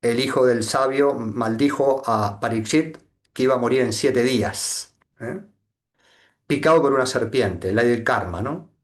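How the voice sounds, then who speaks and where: A man from Argentina with an Argentine accent, giving a reflective satsang talk with a reading, often pausing and adding tag questions. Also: medium pitch. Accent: Argentine Spanish. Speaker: spiritual teacher.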